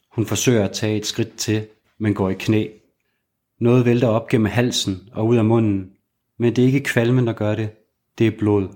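A man narrates a crime thriller in the manner of an audiobook. His voice sits somewhat low, and he keeps his storytelling measured and even throughout.

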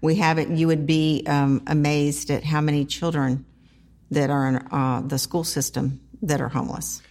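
A middle-aged woman from South Carolina speaking as an interview guest in a casual, halting, anecdotal way. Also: deep voice, level tone, darkish tone. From small town in South Carolina, United States. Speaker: interview guest, food pantry organizer. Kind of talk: casual conversational storytelling.

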